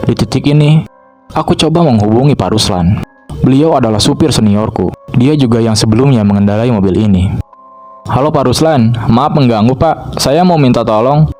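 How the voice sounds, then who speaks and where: A man calmly narrating a first-person horror story in a steady, measured way, recorded on a cheap mic. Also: on the low side. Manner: calm, steady storytelling with short pauses. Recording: cheap mic with faint background music. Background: faint music.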